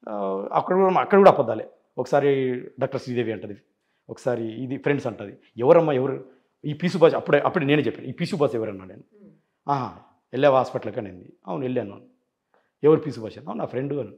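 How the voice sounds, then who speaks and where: Man, interview guest, very fast talker, insistent, replays conversations, middle pitch. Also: lively intonation, darkish tone, muffled recording. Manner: insistent, acts out past phone calls. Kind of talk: rapid interview account.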